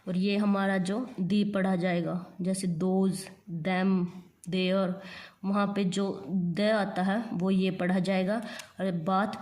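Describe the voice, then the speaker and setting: A woman's voice: mid-range voice, darkish tone. A woman with an Indian accent teaching a lesson, patiently spelling out letters one at a time. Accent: Indian English. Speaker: shorthand teacher. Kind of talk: classroom lesson.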